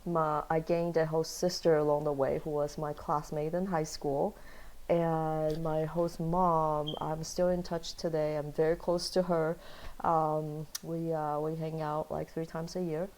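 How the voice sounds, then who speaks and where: Telling her story at a measured pace, this interview guest from Taiwan and Kansas has a low, gravelly voice and laughs often in an animated, easygoing way. It's a casual interview chat on a low-quality recording.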